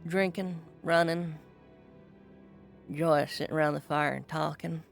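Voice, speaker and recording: A performer plays a wry, teasing soldier on watch in a role-play game. The voice is gravelly and mid-pitched, with faint music behind it. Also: fairly even intonation, measured pace. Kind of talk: improvised in-character role-play, conversational.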